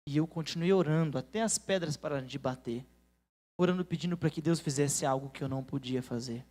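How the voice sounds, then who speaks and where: Brief: Brazilian man, pastor, earnest sermon storytelling, loud then hushed. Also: brisk. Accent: Brazilian Portuguese. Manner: earnest storytelling, swings between loud emphasis and hushed low tones. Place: church.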